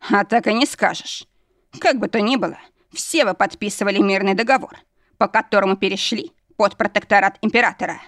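A brusque, smirking demon lord who barks orders and mocks everyone around him, read by a woman. His voice sits in a middling register, gruff rather than loud, delivered in a dry, close storybook reading. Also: mid-range voice, a little fast, dry recording, natural voice. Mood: commanding. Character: arrogant mocking male demon lord, brusque.

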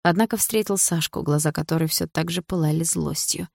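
A woman narrating an audiobook with a lowish voice and a measured, even storytelling manner. The recording is dry and close, with no room sound. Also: creaky, breathy edge, no echo.

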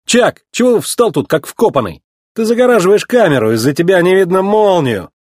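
A man's voice: sits high, big pitch swings, a little fast, a little mellow, no echo, studio quality, voice pushed up. A man voicing an arrogant young male race car in a storybook reading, talking in a boastful, mocking way. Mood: cocky.

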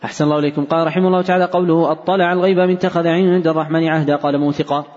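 A man reading hadith texts aloud in a fast, even recitation, recorded in a large mosque hall. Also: a little high. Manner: fast, even, unbroken reading with brief slips. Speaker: hadith reader. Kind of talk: rapid recitation of hadith text. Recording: dull recording in a reverberant hall.

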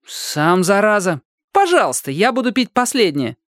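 A reader voicing a quick-tempered young girl who scolds her friends in a storybook reading. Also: medium pitch, big pitch swings, fairly bright tone, no echo, studio quality, voice pushed up. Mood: scolding. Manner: scolding, exasperated.

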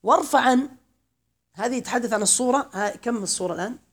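A man giving a classroom grammar lesson, slowly reciting verse lines, then explaining them and quizzing his students. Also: sits high. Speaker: grammar teacher.

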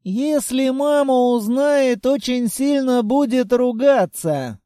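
A timid, fussy young theorist, high and whiny, fretting about his mother, as a man voices him. The voice is soft and mellow, recorded close and dry for a storybook. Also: lively intonation, slow, no room sound, full character voice. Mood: fretful. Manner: whiny, fretful.

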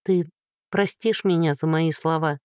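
A woman voicing a hoarse, whispery young heroine in an audiobook, remorseful and loving. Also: low-pitched, steady tone, a little slow, darkish tone, no echo, clean studio sound. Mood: pleading, tender. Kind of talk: audiobook reading.

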